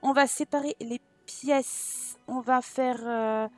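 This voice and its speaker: A woman's voice: high-pitched, steady tone, takes it slowly. A woman doing frantic, self-mocking commentary while racing through a timed home-building game challenge. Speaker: gaming YouTuber. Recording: faint game music behind.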